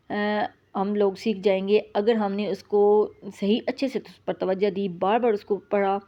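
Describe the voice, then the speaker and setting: A woman teaching beginners how to pronounce letters. Her pitch sits in a middle range, and she draws each letter out slowly between plain explanations. The recording sounds slightly dull and lo-fi. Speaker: Quran tajweed teacher. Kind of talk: lesson.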